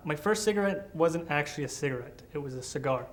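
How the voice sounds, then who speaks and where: A man's voice: fairly high pitch, expressive, quick pace, a little hiss or hum. A man in his early twenties giving earnest, conversational interview answers. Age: 20s.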